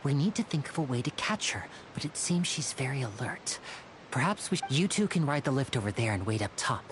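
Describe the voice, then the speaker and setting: An actor playing a charming young male stage magician in a game, smooth and playful. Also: mid-range voice, sing-song, a little fast. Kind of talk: game voice acting. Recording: noisy game audio capture.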